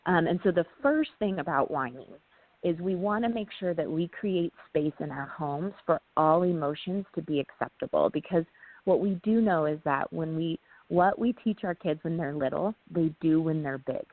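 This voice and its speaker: Woman parenting trainer on a phone-ish line, lower voice, lots of um and right?, dead dry sound. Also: normal speed, no room sound, phone-quality sound. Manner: talks through ideas with frequent "um" and tag "right?". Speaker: parenting training specialist, guest. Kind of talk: casual explanatory interview talk.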